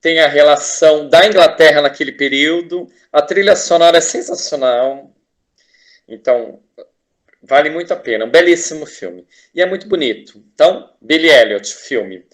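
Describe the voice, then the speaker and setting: A Brazilian man talks as a guest on a casual interview podcast, with a voice pitched a little high. He speaks with eager enthusiasm, rambling, restarting words and tossing in tag questions as he goes. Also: normal speed. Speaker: teacher and artist, podcast guest.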